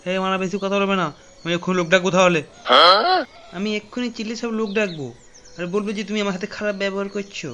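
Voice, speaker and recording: A man voicing an angry young woman in a cartoon, sharp and indignant, with clear background noise. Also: high voice, fairly even intonation, fast.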